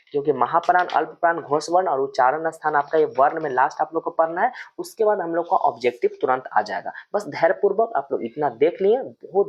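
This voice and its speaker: A male teacher giving an online grammar lesson, explaining slowly and repeating example words with heavy stress, calling the viewers friends. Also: fairly high pitch, husky.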